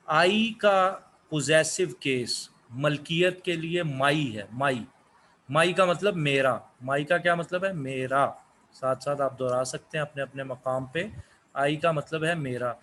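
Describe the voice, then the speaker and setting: A man whose first language is Urdu, giving a slow English lesson, asking questions and answering them himself. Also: fairly high pitch, fairly bright tone, slight background noise. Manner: asks questions then answers them, repeats words. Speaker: English teacher.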